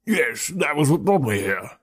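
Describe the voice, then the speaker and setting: A man's voice: mid-range voice, very animated, a little slow, slightly rough. A man voicing a blustering, self-satisfied male police inspector in an audiobook reading. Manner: hearty, pompous, exclaiming.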